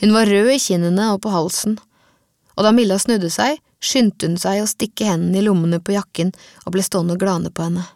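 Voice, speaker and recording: Woman reading a kids' story, steady and even, dry close mic. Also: mid-range voice, no room sound. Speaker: audiobook narrator. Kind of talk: scripted narration of a children's novel.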